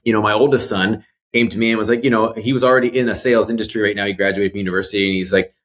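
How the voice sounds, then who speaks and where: A man's voice: fairly low pitch, fairly even intonation, racing. A man in his forties, a guest in an interview, talking in an earnest, reflective way and repeating words as he thinks. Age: 40s. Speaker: mortgage broker guest. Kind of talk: casual interview.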